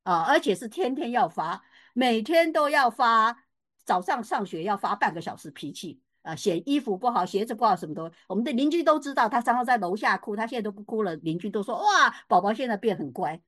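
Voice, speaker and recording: An older woman giving a personal faith testimony at church, emphatic and expressive, with frequent fillers and restarts. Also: medium pitch, quick pace, few pauses, no echo, clean studio sound.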